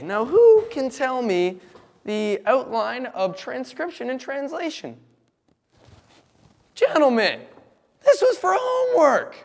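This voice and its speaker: Young man's fussy, high-voiced teacher impression. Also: creaky, big-room sound, heavily acted. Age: young adult. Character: fussy, earnest male teacher, easily exasperated with pupils. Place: school classroom.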